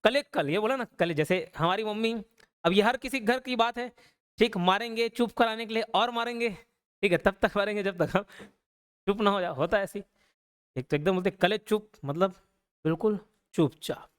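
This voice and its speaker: Guy, fairly high voice, online teacher going over words slowly, keeps saying okay?. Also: clean tone. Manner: repeats words slowly, frequent "ठीक है" checks. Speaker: online exam-prep teacher. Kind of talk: explanatory lecture. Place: online class.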